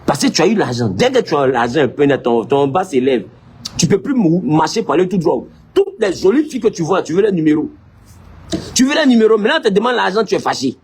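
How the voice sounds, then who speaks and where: A male pastor with an Ivorian French accent, preaching a lively sermon and teasingly scolding his listeners. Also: sits high, a little fast, a little hiss or hum.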